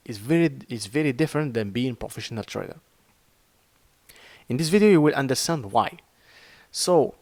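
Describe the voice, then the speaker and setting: A Moroccan man whose first language is Arabic, speaking with a Moroccan accent, teaches crypto trading in an informal screen-share lesson. He is earnest but halting, with many fillers and restarts. His voice is medium-pitched, with no echo.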